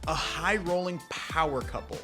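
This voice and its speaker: Male narrator, wry voice-over asides, slightly high, music under. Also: normal speed. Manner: wry, direct-to-viewer asides. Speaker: narrator, video host.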